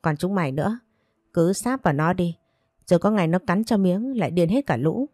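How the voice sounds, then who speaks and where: A woman's voice: on the low side, animated, brisk, dark tone, no room sound, studio quality. A woman doing a spiteful, sneering young wife. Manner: sneering, taunting.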